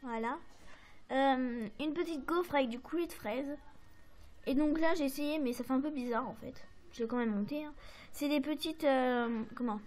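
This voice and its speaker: High-voiced French woman chatting about crafts. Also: moderate pace, darkish tone, soft background music. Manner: chatty, hesitant, many fillers and apologies. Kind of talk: casual show-and-tell to camera.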